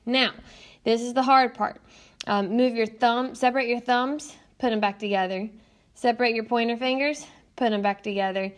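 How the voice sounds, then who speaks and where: A woman's voice: on the high side, fairly even intonation, normal speed. Patient woman teacher explaining a lesson. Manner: patient, explanatory, frequent "um" fillers. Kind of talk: recorded classroom lesson narration. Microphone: tablet screencast mic.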